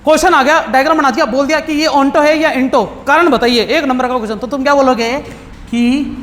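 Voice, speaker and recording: A male math teacher lectures casually, putting questions to his students and bluntly answering them himself. His extremely high-pitched voice is brisk, a bit bright, with fairly even intonation. Hall reverb and faint background noise fill the recording.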